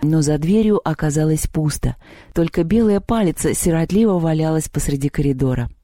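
An audiobook narrator reads a story in an even, measured way. The voice is mellow and somewhat dark. It is recorded dry and close. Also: mid-range voice, no echo. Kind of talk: scripted narration.

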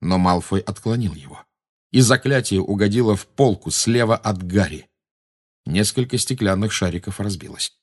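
A man reading a fantasy novel aloud in steady, measured dramatic audiobook narration. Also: lowish voice, husky.

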